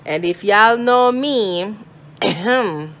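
She talks extremely slowly, yet her mid-range, fairly bright voice stays animated. This Jamaican-accented woman in her thirties, a mother and vlogger, records a family vlog on a phone at arm's length in a house's small room and hallway, teasing, sassy and scolding with dry humor.

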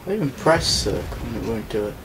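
A man giving live gameplay commentary, excitable, swearing often and taunting opponents. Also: mid-range voice, fast talker. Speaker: gaming commentator. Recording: game gunfire and vehicle noise behind. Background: loud in-game gunfire and vehicles.

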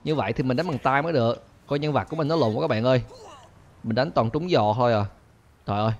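A young man, chatty and laughing as he hosts an excited let's-play commentary. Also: mid-range voice, fast. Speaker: gaming channel host. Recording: dull lo-fi recording.

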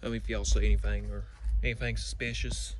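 A young man with a drawl talks in a lowish, unhurried voice, rambling and a bit uneasy. He records himself on a phone at arm's length for a casual vlog. Loud background noise runs under his voice. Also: flat delivery. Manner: rambling, hushed and uneasy outdoors. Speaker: vlogger. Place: outdoors in wooded yard by old house, later indoors. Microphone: phone held at arm's length.

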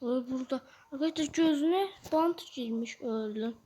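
A woman giving excited gameplay commentary straight to her viewers, yelping commands and sometimes dropping to hushed asides. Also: high voice, normal speed, breathy edge. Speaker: gaming video host.

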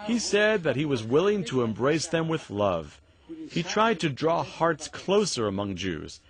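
An older man from near the Latvian border tells a story in an earnest documentary interview. His voice rises and falls with lively animation. He is recorded on a lapel mic in a museum exhibit room. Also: on the high side, unhurried. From Latvian border region.

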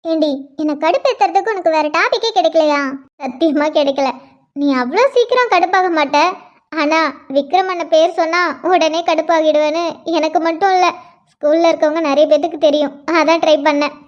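A woman's voice: extremely high pitch, brisk, lo-fi sound. A woman voicing a mischievous schoolgirl who teases her friend, in a cartoon. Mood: teasing. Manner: teasing, playful. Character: teasing schoolgirl, mischievous and cheeky.

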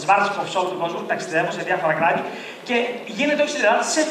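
A man giving a lively seminar talk as a tourism trainer, animated and rising to near-shouts as he acts out quotes. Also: high-pitched, a little hiss or hum. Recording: echoey hall from far off.

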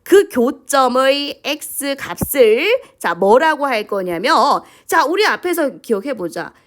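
Female math teacher, animated pitch, high-ish voice, prompting students with constant questions. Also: takes it slowly. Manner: lively, keeps asking questions and prompting with "자". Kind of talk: lecture to students.

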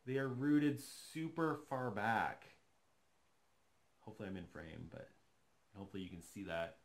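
A man's voice: on the low side, moderate pace. Chatty man unboxing a doll at home. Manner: chatty, enthusiastic, thinking aloud while handling a doll. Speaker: doll collector vlogger. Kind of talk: casual unboxing commentary. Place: living room, seated on a sofa.

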